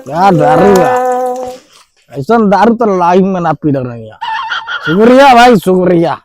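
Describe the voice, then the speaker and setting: A man's voice: high voice, expressive, measured pace, a little hiss or hum. A man playing a drunken, quarrelsome village husband, the town drunk, in a Bhojpuri-accented rural comedy skit. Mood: drunken, boisterous. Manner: drunken, loud, quarrelsome bluster.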